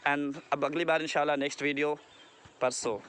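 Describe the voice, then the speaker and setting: A man's voice: a little high, steady tone, fairly quick, a bit bright, a little hiss or hum. A man teaching a beginners' English lesson, switching between English and Hindi-Urdu and patiently repeating words for students to copy. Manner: patient, step-by-step explaining.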